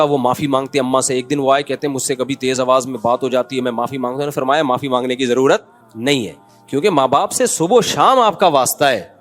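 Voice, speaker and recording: Man giving a lively sermon. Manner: informal, scolding, mimics others with sudden high-pitched quotes. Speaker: Islamic scholar giving a sermon. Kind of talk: conversational religious lecture.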